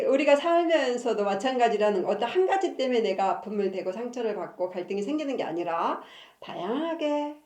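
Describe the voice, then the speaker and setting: In an echoey room, a woman with a high-leaning, mellow voice reads from her own book and talks casually about marriage for her family-counseling channel. She keeps laughing between sentences.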